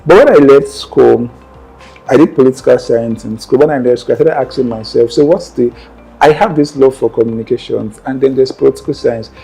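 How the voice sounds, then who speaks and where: A young Nigerian-accented man tells his life story as an interview guest, earnest and meandering, often circling back to correct himself in conversational storytelling. His medium-pitched voice is fairly quick, gravelly and warm with a breathy edge. The audio is poor, with soft background music.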